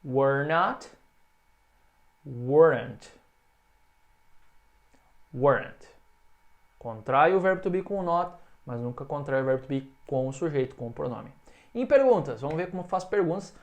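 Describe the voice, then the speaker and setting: A man's voice: a little high, expressive, fairly quick. A man with a Brazilian Portuguese accent, teaching English in a video lesson and stretching out example phrases for the learner to repeat.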